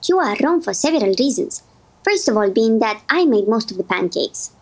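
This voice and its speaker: A woman's voice: fairly high pitch, sing-song, fairly quick, a little mellow. An actress playing a playful young woman who teases her mother. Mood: teasing. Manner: playful and teasing. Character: teasing young woman, the friend's daughter.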